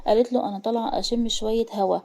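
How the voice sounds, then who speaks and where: A woman's voice: fairly high pitch, fairly even intonation, very fast, creaky, mellow. A woman voicing a brave young Egyptian woman. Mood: plain. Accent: Egyptian Arabic.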